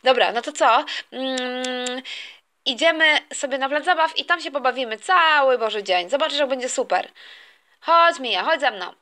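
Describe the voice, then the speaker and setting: A woman's voice: sits high, lively intonation, normal speed, pushed and bright. A woman voicing a whiny, scheming young boy who doesn't want to go to kindergarten, in a toy play story. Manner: whining, complaining, stammering.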